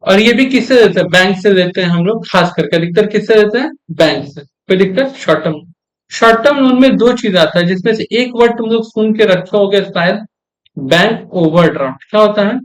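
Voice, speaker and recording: A young male commerce teacher with a high-pitched voice gives a lecture. He keeps pausing to ask the class quick check questions and repeats the key terms back for emphasis.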